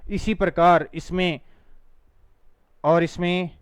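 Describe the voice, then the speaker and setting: A man leads a phonetics lesson in a firm, teacherly way. He breaks words down slowly letter by letter and pushes listeners to repeat after him. His voice sits a little high and comes through smooth and dry, close to the mic. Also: fairly even intonation, no room sound. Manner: drills words slowly, spelling them out letter by letter; firm, teacherly, urges students to repeat along. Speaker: spoken English teacher.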